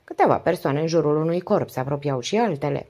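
A weary, devoted wife in her late forties pours out long, flowing confidences, read by a woman narrator. Her voice is low and mellow. A husky grain runs through it. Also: animated. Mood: confiding. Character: 48-year-old wife, talkative, devoted, weary.

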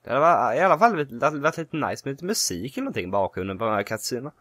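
Excitable man commentating a game. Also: mid-range voice, no echo. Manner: excitable, yelps and shouts in panic. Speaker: let's play host. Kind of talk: casual gameplay commentary.

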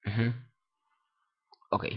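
A young man with a Spanish accent from Spain giving casual let's-play commentary, excitable and foul-mouthed, bursting into shouts. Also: extremely slow. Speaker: gameplay commentator. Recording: lo-fi dull home recording.

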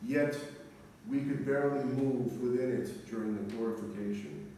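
Speaking from the front of a spacious church, a middle-aged Orthodox priest preaches in a slow, solemn way, pausing with care. His voice sits in the mid range, warm and fairly even in intonation, picked up echoey and faintly noisy by a far-off camera microphone.

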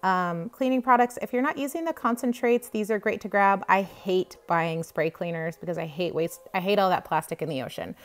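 A woman with a mid-range voice talks briskly, barely pausing, as she vlogs a grocery haul tour, gushing enthusiastically over products. She records on a handheld phone held behind the camera inside the store. Store ambience and faint background music can be heard.

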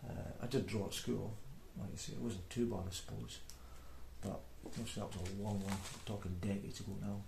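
A man in his forties with a broad Scottish accent rambles casually through a video diary as a beginner painter, hesitant and self-deprecating. His voice is lowish, level and brisk with vocal fry, picked up by an off-camera microphone at a table in an indoor room with roomy echo, background noise and clicks.

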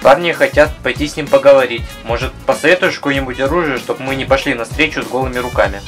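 A young man delivers scripted lines for a comic skit. His voice is mid-pitched, with light music under it. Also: quick pace, a bit bright. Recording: music behind the voice.

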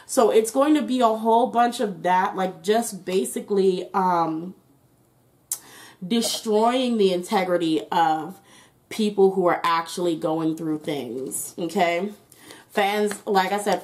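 A woman giving a casual, improvised tarot reading, halting and repeating herself as she thinks aloud. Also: mid-range voice, darkish tone. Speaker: tarot reader and channel host.

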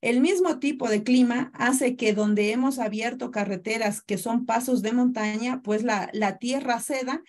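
A woman's voice: on the high side, a little slow, hardly any pauses, darkish tone. Ecuadorian woman presenting a webinar. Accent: Ecuadorian Spanish. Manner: courteous, greets attendees by name, explanatory. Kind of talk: online presentation.

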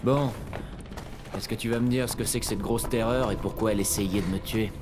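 Man as a low-voiced cynical young mercenary. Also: fairly even intonation, brisk, noisy background, natural voice. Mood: sardonic. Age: young adult. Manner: sardonic, offhand. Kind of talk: French-dubbed video game acting. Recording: loud game music and gunfire behind.

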